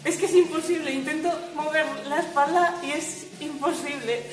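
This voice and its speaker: High-voiced woman, Spain Spanish accent, casual livestream host, chatty and laughing often, phone mic in an echoey room. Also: steady tone, normal speed, over music. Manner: chatty, laughs often, reads viewer comments aloud. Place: at home lying in a swaying hammock.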